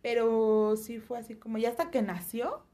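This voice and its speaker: A woman's voice: on the high side, moderate pace. A woman in candid conversation, animatedly telling her story and acting out what others said. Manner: animated storyteller, acts out quoted voices. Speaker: guest sharing her story.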